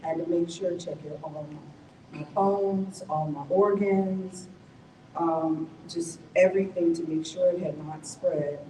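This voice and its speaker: Slow and reflective, a woman shares the story of her survival at a community forum, pausing to correct herself along the way. Her intonation is fairly even, her voice low and mellow. The sound is slightly distant, echoing in a room with a faint rumble in the background.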